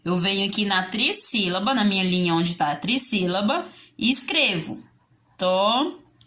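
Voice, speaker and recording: A woman's voice: medium pitch, lively intonation, moderate pace, fairly bright tone. A woman teacher with a Brazilian Portuguese accent giving a video lesson for young children, in a sing-song teaching voice that asks and answers pupils' questions.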